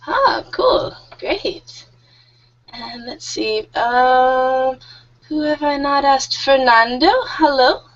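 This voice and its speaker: Woman in her 30s, English teacher, slow unhurried talk, slightly high voice, muffled video call audio. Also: lively intonation. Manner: friendly, nervous, laughs often. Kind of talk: online group class.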